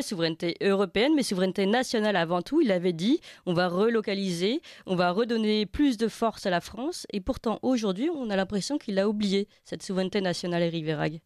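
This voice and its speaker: A woman's voice: mid-range voice, no room sound. Emphatic woman radio host, dry studio sound. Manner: emphatic, lively stresses on key words. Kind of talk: radio talk show presenting.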